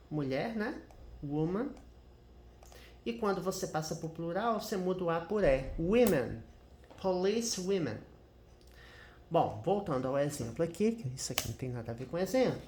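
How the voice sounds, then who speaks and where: A man's voice: high-pitched, expressive, moderate pace, a little mellow, slight background noise. A man with a Brazilian Portuguese accent teaching an English grammar lesson on screen, chatty and checking in with his viewers all the time. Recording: roomy echo.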